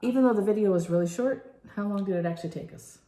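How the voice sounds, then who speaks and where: A woman's voice: mid-range voice, fast talker, mellow. An older woman chatting casually as a vlog host, emphatic and given to repeating herself. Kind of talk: casual conversational review. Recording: roomy, echoey indoor sound.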